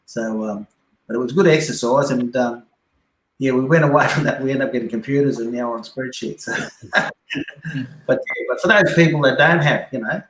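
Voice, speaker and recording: An Australian man, a guest on a live stream, spins a casual yarn in a laid-back, rambling way, full of fillers and restarts. His voice is medium-pitched and fairly bright, and he talks fairly quickly. The recording is rough, in an echoey room.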